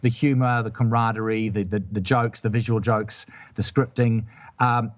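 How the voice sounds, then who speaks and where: A man's voice: lowish voice, little pitch movement, moderate pace, dry recording, clean studio sound. A man hosting a casual film review chat, rambling and hesitant with many restarts. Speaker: film review show host.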